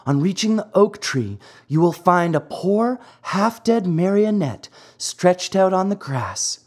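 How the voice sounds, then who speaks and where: A gentle, commanding fairy from a storybook, a thousand years old yet sweet-voiced, as a reader puts her on. Her voice sits high with a lilting rise and fall, and she gives her orders slowly and kindly. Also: animated.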